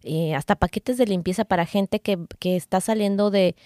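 A woman's voice: mid-range voice, normal speed, dark tone, no room sound, studio quality. A middle-aged Mexican woman co-hosting a casual podcast, chatty, working through a list of tips with asides. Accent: Mexican Spanish. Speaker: podcast co-host.

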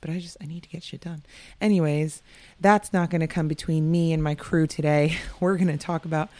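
A woman's voice: sits low, fairly even intonation, fairly quick, warm tone, dry recording. A young woman hosting a casual solo podcast, chatty and candid, often laughing and swearing. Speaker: podcast host.

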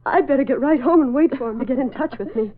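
Anxious young fiancée, high voice, emotional, tinny radio. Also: female voice, fast. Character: anxious young woman awaiting her soldier fiancé. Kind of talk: 1940s radio acting. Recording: tinny old radio broadcast.

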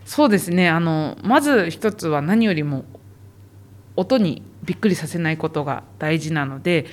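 Woman, zoo animal specialist, lower voice, patient detailed explanations, podcast interview. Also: lively intonation, normal speed.

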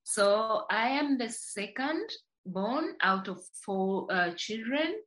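A Tanzanian woman, a company founder, tells her life story as a guest in a casual podcast interview, speaking reflectively with many fillers and restarted sentences. Her voice is on the high side and fairly bright, with lively intonation and a slow pace, though the audio quality is poor.

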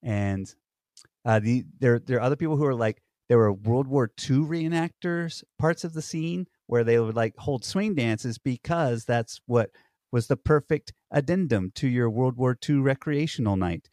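A man co-hosts a podcast, telling stories in rambling casual conversation packed with fillers and restarts. His mid-range voice has a darkish tone and a normal speed, captured in clean studio sound with no echo.

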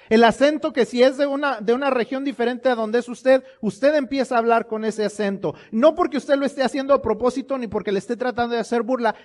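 Male pastor, strikingly high voice, emphatic sermon delivery with rhetorical questions.

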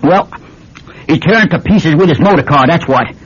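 Gruff old New farmer. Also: male voice, a little high, animated, moderate pace, a bit bright. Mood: stern, sour. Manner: gruff, terse, folksy. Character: stern, grudging old New England farmer father. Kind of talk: radio drama acting. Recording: dull radio recording with faint noise.

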